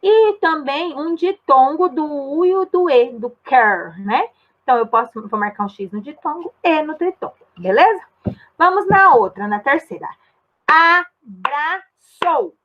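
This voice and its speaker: A woman's voice: high voice, lo-fi sound. A woman with a Brazilian Portuguese accent, a primary school teacher giving a recorded grammar lesson step by step and often checking in with her pupils. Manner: patient, explains step by step and checks in with tag questions.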